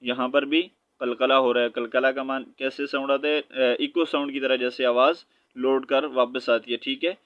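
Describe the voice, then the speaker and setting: A man teaching Quran recitation letter by letter. He patiently checks in with his listeners and chants the verses slowly. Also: mid-range voice, steady tone, no room sound, dull audio. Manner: patient, checks in with "okay?" after each point; slow drawn-out chanting of verses. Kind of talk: spelled-out recitation lesson.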